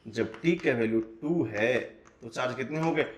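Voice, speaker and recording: A man's voice: medium pitch, moderate pace. A man teaching a physics class, mixing Hindi and English and asking rhetorical questions. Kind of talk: classroom lecture. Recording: roomy echo.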